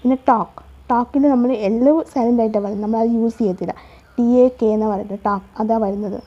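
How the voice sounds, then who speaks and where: A woman teaches an English lesson in a patient, repetitive way. Her voice sits fairly high and sounds husky. The recording is dull and lo-fi. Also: steady tone, fast talker, mellow. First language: Malayalam. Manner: repetitive, patient explaining with restarts. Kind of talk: explaining a spoken English lesson.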